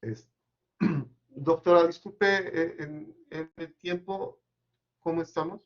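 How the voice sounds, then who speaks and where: A man giving an academic seminar presentation, measured and explanatory with occasional hesitations, on a dull lo-fi recording. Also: fairly high pitch, fairly even intonation.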